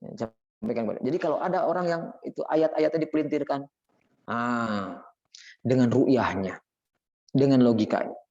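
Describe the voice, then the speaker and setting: A man giving a mosque study lecture, telling stories lively and acting out dialogue. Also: moderate pace, pauses often, muffled recording. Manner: lively storytelling, acting out dialogue with big pitch jumps. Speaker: preacher.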